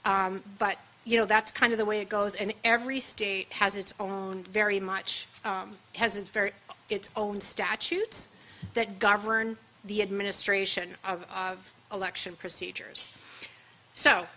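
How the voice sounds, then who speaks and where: Woman seminar speaker, bright, punchy, chatty delivery, faint room hiss behind. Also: medium pitch, fairly even intonation, measured pace, rough recording. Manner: conversational, emphatic, punchy asides. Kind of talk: luncheon presentation.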